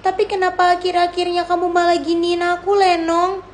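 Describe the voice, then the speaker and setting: A woman voicing a timid, fearful young woman who talks hesitantly and softly in a homemade drama. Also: extremely high pitch, completely flat delivery, fairly quick, a little hiss or hum. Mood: pleading. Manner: hesitant, soft and pleading.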